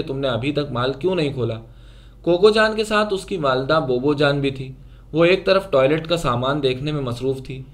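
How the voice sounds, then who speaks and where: A man narrating a literary short story aloud in a measured, even storytelling manner. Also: medium pitch.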